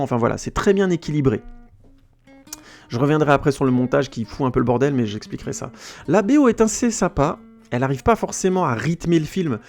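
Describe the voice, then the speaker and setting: A man talks through a film review in a loose, conversational way, wandering off on tangents and restarting his sentences. His voice sits at an ordinary middle pitch. Soft guitar music plays faintly behind him. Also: gravelly. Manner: chatty, digressive, with restarts and searching for words. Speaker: film critic podcast host. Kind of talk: casual spoken film review.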